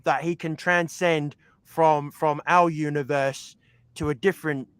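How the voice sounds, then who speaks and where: Eager fan host, smooth dry voice. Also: male voice, fairly high pitch, steady tone, unhurried, fairly bright tone, dry recording. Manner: eager, filler-heavy fan talk. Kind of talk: casual interview talk.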